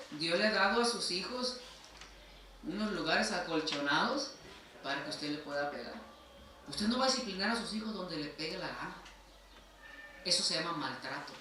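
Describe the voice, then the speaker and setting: Emphatic Mexican pastor, bright echoey hall. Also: male voice, a little high, normal speed, long pauses. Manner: emphatic, repeatedly addresses listeners as brother. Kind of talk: sermon. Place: church sanctuary. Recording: echoey church hall from far off, faint noise.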